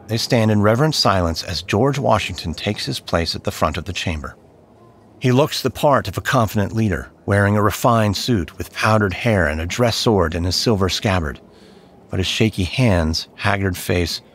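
A man narrating a history podcast from a script, in a measured and solemn storytelling manner. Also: on the low side, a little hiss or hum. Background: faint background music.

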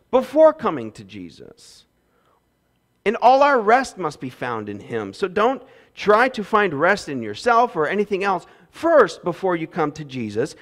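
A man in his thirties preaching a sermon on a church stage through a headset mic, swinging between loud emphasis and quiet asides. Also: high voice. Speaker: pastor. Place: church stage with windows behind.

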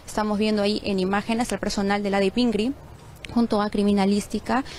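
A woman from Peru delivering a live news report from a crime scene, measured and a little halting. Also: mid-range voice, level tone, a little mellow, a little hiss or hum. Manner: measured, with frequent fillers. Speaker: field reporter. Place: outdoors on a street at a crime scene.

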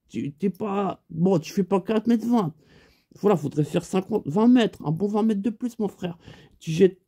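A man tells a rambling comic story in loose street slang and acts out the back-and-forth of the conversation himself. His voice sits high for a man, yet its tone stays very dark and mellow. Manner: rambling street-slang banter, acting out both sides of the dialogue. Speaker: comedian.

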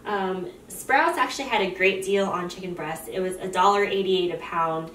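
A woman's voice: on the low side, normal speed, a bit bright, roomy sound, far from the mic, a little hiss or hum. A young woman vlogging casually in an upbeat, chatty way with frequent "um"s. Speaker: fitness vlogger. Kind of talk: casual vlog talk. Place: small indoor room for the haul, car for the drive.

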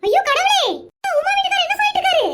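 A woman voicing a fretful, dramatic village wife in a cartoon, with fast, excitable exclamations. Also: very high voice, very noisy. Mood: exasperated.

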